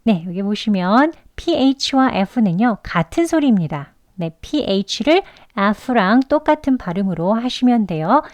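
Woman, pronunciation teacher, very slow and deliberate, repeats words for learners, dry close sound. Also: medium pitch, big pitch swings, darkish tone, no echo. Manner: repeats example words slowly for learners to copy. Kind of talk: slow, patient pronunciation lesson with drills.

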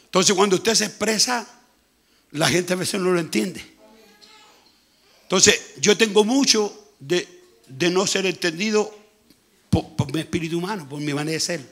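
A man with a Chilean accent preaching a sermon as pastor, with a hoarse, gravelly voice, talking loudly and repeating himself as he goes. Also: high voice, moderate pace, pauses often. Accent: Chilean Spanish. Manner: speaks loudly, conversational preaching with frequent repetition. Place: church.

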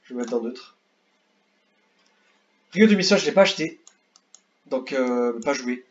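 A young man casually ranking video games, rambling and repeating himself, with excitable bursts. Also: medium pitch, unhurried, muffled recording. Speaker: gaming youtuber. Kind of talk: casual tier-list commentary.

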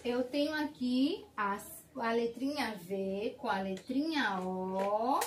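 A woman with a Brazilian Portuguese accent teaching a kindergarten class, drawing out each syllable slowly for small children. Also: fairly high pitch, reverberant, distant mic, a little hiss or hum. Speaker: preschool teacher. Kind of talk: slow sing-song kindergarten lesson. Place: school classroom.

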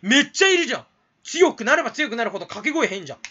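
A man's voice: very animated, very fast, pushed and bright, husky, highs cut off. A man YouTuber rambling in a casual solo rant to camera, self-mocking and jumping between topics. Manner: rambling, self-mocking, bursts into shrill imitated laughs.

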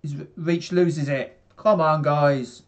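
A man's voice: fairly high pitch, steady tone, slow. A young man from England commentating casually on a football match for a live stream, rambling with many fillers and talking to viewers in the chat from his bedroom on a headset. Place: small bedroom.

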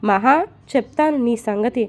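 A woman's voice: a little high, normal speed, darkish tone, natural voice. A woman voicing a teasing, mischievous young husband in a told story. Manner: playful, teasing.

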